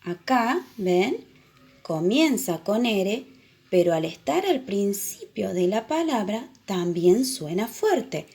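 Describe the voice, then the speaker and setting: A woman teaching children the sounds of a letter, explaining patiently and repeating example words slowly. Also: mid-range voice, sing-song, a little mellow. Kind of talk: children's reading lesson.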